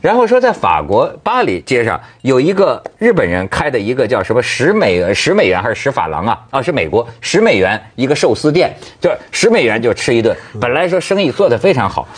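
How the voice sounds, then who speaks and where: A man hosting a panel talk show, telling anecdotes in a lively way and acting out the lines he quotes. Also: medium pitch, a little fast, few pauses, husky. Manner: animated storyteller, acts out quoted lines.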